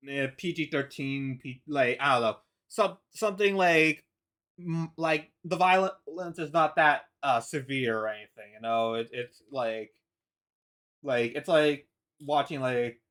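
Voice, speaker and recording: Rambling streamer man, bright voice. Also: mid-range voice, a little slow. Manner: rambling, full of "like" and restarts; laughs between thoughts. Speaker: streamer and comic artist. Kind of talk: casual live-stream chat.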